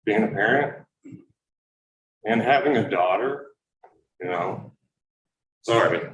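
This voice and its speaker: A man in his thirties, a parent speaking at public comment, earnest and halting with many fillers, captured as an official meeting-room recording. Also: on the low side, animated, a bit bright. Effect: official meeting-room recording, like a courtroom tape. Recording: roomy hall recording from far off with faint background noise.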